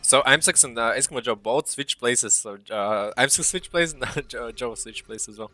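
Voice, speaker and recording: Man, esports co-caster, analytical, halting uhs, bright forceful voice. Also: mid-range voice, no echo. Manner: analytical, thinks aloud with many uhs. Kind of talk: live game commentary.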